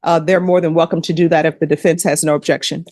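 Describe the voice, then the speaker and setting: A woman judge in a courtroom, reading legal admonishments and sentences in a measured, formal way. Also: low-pitched, flat delivery, darkish tone, dry recording, clean studio sound.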